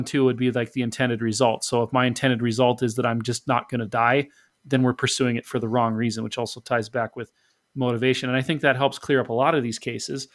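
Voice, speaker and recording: Quick-talking man laying out points. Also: mid-range voice. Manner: explanatory, methodical. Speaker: podcast co-host. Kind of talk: casual discussion.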